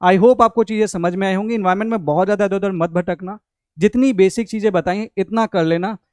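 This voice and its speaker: A man's voice: high-pitched, fast, darkish tone, smooth, no echo, studio quality. A young Indian man, a coaching teacher, explaining a study strategy in a conversational, instructive way, mixing Hindi and English.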